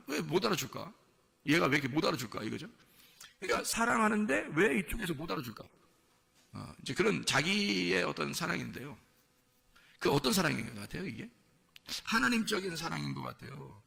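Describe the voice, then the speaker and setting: A male pastor preaching with a very gravelly voice and a bright, forceful tone. His pitch sits fairly high and moves a lot as he talks. He keeps putting questions to the congregation and repeating his points. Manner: repetitive, asks the congregation questions; conversational preaching with many fillers. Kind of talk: sermon.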